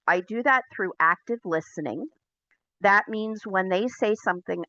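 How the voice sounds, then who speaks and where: A woman teaching a class for pet detectives, explaining her consultation methods in a clear, measured way. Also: mid-range voice, pushed and bright, no room sound, dull audio. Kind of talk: recorded business class lecture.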